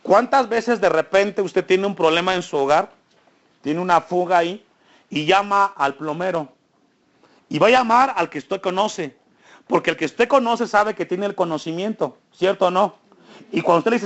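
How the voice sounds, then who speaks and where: A man's voice: sits high, moderate pace, lo-fi sound. A male pastor preaching a sermon in a church, asking the congregation frequent questions and building emphasis.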